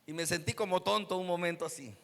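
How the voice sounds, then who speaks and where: A guest pastor delivers a sermon testimony in a church hall, recounting a healing story and acting out the dialogue. His high-pitched voice is gravelly and fairly bright, moving at a quick pace, and the hall makes the recording echoey.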